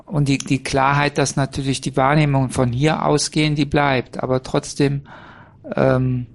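A man's voice: medium pitch, level tone, normal speed. A man taking part in a spiritual dialogue, speaking hesitantly and searching for words with many fillers. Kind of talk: casual reflective conversation.

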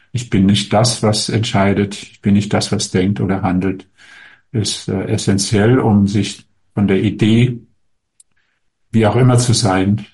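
A man with a fairly low voice answers viewer questions as a spiritual teacher. He speaks calmly and thoughtfully, pausing often with small hesitations as he feels his way through each answer. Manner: calm, musing, with many hesitations.

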